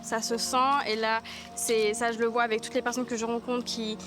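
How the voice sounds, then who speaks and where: This interviewee, a village activist from French Guiana, speaks a little fast in a monotone voice on the high side. She answers earnestly and repeats words for emphasis while background music plays.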